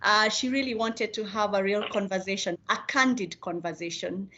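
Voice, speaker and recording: A woman's voice: mid-range voice, normal speed, pushed and bright. A woman hosting a video meeting, polite and hesitant, with frequent fillers. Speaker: meeting host. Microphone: video call. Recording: slightly dull video-call audio.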